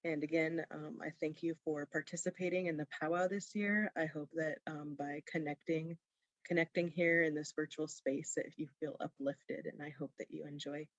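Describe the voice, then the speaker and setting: Woman explaining stuff informally, stops and starts, lots of vocal fry, close dry sound. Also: low voice, fairly even intonation, dry recording, muffled recording. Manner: halting. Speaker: powwow participant explaining regalia. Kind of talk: informal explanatory video address.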